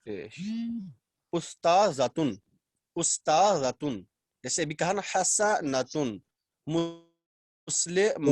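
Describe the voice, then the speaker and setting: A man teaching a language class over a video call, explaining slowly, repeating words and quizzing his students. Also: high voice, dry recording, studio quality. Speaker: Arabic teacher. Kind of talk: online class lecture.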